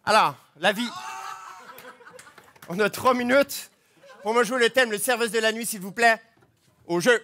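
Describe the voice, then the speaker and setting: A man's voice: high-pitched, unhurried, pauses often, sharp tone, slight background noise. A man with a Québécois accent refereeing a live improv match, announcing themes and rules emphatically.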